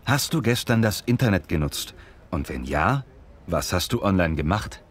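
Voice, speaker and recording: A man takes the interviewer role in a scripted language-lesson exchange, portraying a courteous street reporter asking survey questions. He sounds polite and inquiring, his low-pitched voice swinging widely in pitch at a normal speed.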